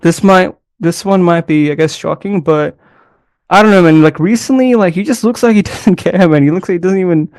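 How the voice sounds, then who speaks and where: A man's voice: high voice, brisk, darkish tone, dry recording, clean studio sound. A man commentating casually on mixed martial arts, rambling and loose, with lots of slang fillers. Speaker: MMA commentator.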